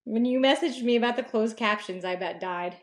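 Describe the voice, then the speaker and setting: A woman's voice: a little high, fairly quick. A woman co-hosting a casual podcast over a video call, joking and laughing often. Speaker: podcast co-host.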